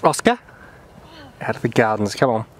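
A man's voice: lowish voice, sing-song, normal speed, poor audio. A man filming a family day out, chatting to his kids and narrating as he walks outdoors on a handheld camera. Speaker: father filming a family outing. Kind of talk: casual vlog narration. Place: outdoors on the coast. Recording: loud outdoor noise.

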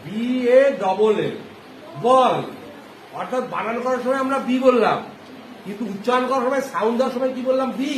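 A male primary school teacher with a very high voice runs a phonics lesson in class, repeatedly asking questions and drawing each answer out slowly. The room is echoey, with clear background noise.

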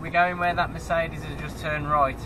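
A man's voice: on the high side, level tone, moderate pace. A young British man driving a truck, chatting casually and cheerfully to his viewers. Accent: British English. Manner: chatty, upbeat commentary to viewers. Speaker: truck driver vlogger. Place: truck cab on the road. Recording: road and engine noise behind.

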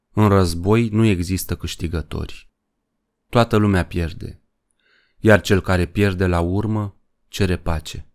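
A man's voice: low-pitched, darkish tone. A man doing a frail, trembling old war veteran. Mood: grave. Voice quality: trembling, tired voice.

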